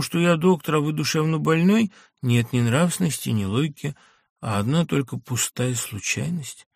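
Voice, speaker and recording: A man voicing a mild, guilt-ridden middle-aged doctor who speaks softly and apologetically. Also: a little high, vocal fry, breathy edge, no room sound, studio quality, full character voice. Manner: soft, quiet, apologetic.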